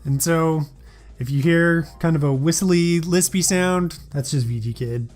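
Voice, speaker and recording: A man's voice: fairly high pitch, measured pace, a little mellow. A man in his thirties casually commentating as he plays, explaining things playfully as the host. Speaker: host of a family gaming show.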